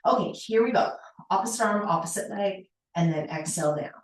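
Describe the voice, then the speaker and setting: A woman's voice: medium pitch, fairly quick. A woman leading a workout as an aerobics instructor, giving short, encouraging cues and counts, recorded in a roomy, echoing space. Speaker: fitness instructor. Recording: roomy, echoing indoor sound.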